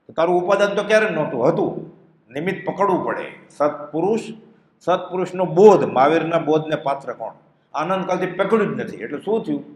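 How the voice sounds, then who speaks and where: A man's voice: fairly high pitch, echoey room, rough recording. A man giving a devotional discourse, asking rhetorical questions and reciting verses in a chant-like tone. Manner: expressive, rhetorical questions, quotes scripture in chant-like tone. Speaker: spiritual discourse speaker.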